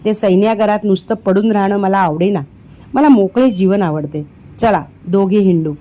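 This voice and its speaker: A woman's voice: medium pitch, moderate pace, mellow, close to an everyday voice. A woman reading the part of a cheerful, carefree wandering soldier of about forty in a storybook. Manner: cheerful, chatty.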